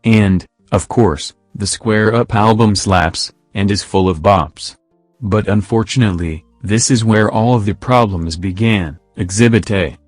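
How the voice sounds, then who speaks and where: A male text-to-speech robot voice reading scripted opinion commentary in a flat, even machine cadence. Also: on the low side, dry recording. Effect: synthetic robot text-to-speech voice.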